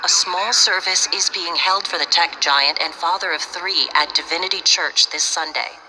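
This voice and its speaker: A man playing a brisk, impersonal TV news reporter in a video game, reading scripted news in a formal, declarative way. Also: high-pitched, sharp tone, a little hiss or hum, low-quality recording.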